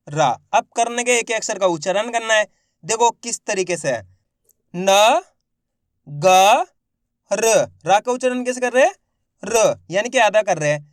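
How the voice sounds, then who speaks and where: A man teaching Hindi reading, sounding out each syllable slowly, then joining them into words and asking the viewer to repeat. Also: very high-pitched, dry recording, clean studio sound. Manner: slow, syllable-by-syllable drilling with repeated prompts; addresses viewers directly as friends. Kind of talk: classroom-style lesson to camera.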